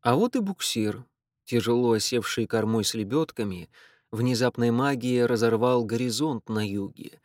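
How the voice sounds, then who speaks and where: A man narrating a novel aloud, expressive and acting out each voice. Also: mid-range voice, moderate pace, no room sound, studio quality. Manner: expressive, acts out the dialogue. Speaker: audiobook narrator. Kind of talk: literary audiobook reading.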